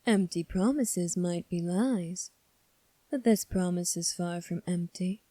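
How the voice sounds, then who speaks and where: Played by a woman with a low-leaning, soft and mellow tone, this sly young prince speaks calmly and formally, his questions probing and teasing with a faint sadistic streak. It sounds like an ASMR audio drama, recorded very dry and close with no echo. His manner is measured and his mood coolly probing.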